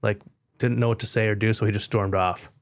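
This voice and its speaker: A man's voice: fairly low pitch, fairly even intonation, brisk. A man co-hosting a wrestling podcast, chatting casually and retelling a televised scene with quoted lines. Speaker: podcast co-host. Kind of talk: casual chat.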